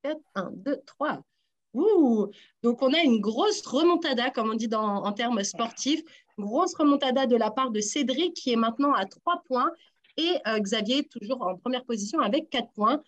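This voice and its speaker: Upbeat radio quiz host, a woman with a fairly high voice who teases her players. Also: animated, moderate pace, a bit bright, muffled recording. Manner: teasing, encouraging contestants. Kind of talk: lively radio quiz hosting.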